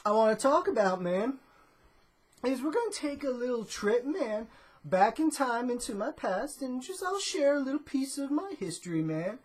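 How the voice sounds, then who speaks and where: A woman's voice: sits high, very animated, moderate pace, a little mellow. A woman rambling through a casual comedic vlog in a drawling, laid-back stoner-dude manner, tacking "man" onto her phrases and filling gaps with "you know" and "uh.". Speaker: vlogger.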